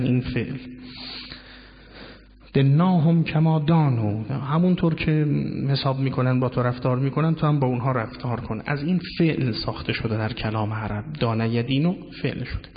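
A man giving a measured lecture on word origins, drawing out key words and reciting Arabic phrases. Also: medium pitch. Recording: dull lo-fi sound with long hall reverb.

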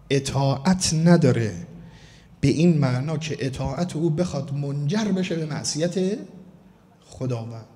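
A man from Mashhad delivering a sermon as a cleric, emphatic and slowing down to stress key words. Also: medium pitch, darkish tone. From Mashhad, Iran. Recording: long hall reverb.

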